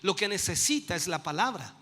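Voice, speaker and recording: A man's voice: high voice, big pitch swings, fairly quick, big-room sound. A man, a bishop and pastor, teaching a sermon with emphatic bursts. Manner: emphatic, rising to loud bursts.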